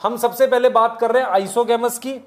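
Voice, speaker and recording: A man's voice: very high-pitched, steady tone, brisk, a bit bright. A man teaching biology in a live online lecture in speech, repeating key points and quizzing his students.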